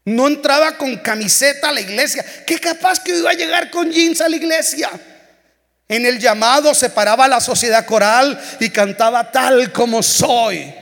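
A man's voice: extremely high pitch, moderate pace, a bit bright. A man with a Mexican Spanish accent, an evangelist preaching a humorous, storytelling sermon. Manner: storytelling, humorous, singing snippets. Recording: long church hall reverb.

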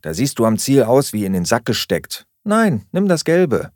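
A man voicing a skeptical, sharp-tongued woman flatmate who questions everything in a dry, doubting manner. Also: medium pitch, moderate pace, no room sound, close to an everyday voice.

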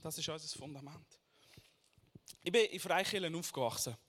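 A man, preaching a sermon that moves between quiet reflection and loud, emphatic questions. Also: a little high, moderate pace. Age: 30s. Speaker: pastor.

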